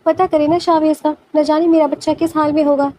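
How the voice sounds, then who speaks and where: A woman's voice: high voice, little pitch movement, warm tone, a little hiss or hum, natural voice. A woman voicing an anxious, pleading mother who fears for her son, in a storybook reading. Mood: pleading worried. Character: tearful worried middle-aged mother.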